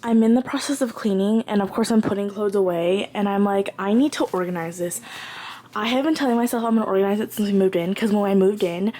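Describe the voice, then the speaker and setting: A woman's voice: mid-range voice, steady tone, fast talker, hardly any pauses, mellow, low-quality recording. A woman in her twenties rambling casually while filming herself at home with a handheld camera, full of "like" and "um". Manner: chatty, rambling, lots of "like" and "um". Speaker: vlogger. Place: at home, bedroom closet.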